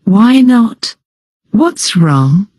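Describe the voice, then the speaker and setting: A woman voicing a cheerful young woman at an office, in a slow, careful read. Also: mid-range voice, sing-song, a little mellow, no room sound, heavily acted. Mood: curious. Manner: slow, simple, careful delivery.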